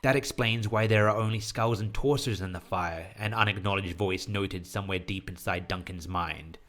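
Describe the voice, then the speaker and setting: Scripted horror fiction is narrated in a measured, literary fashion by a man who writes and hosts an audio story podcast. His voice is low and a bit bright.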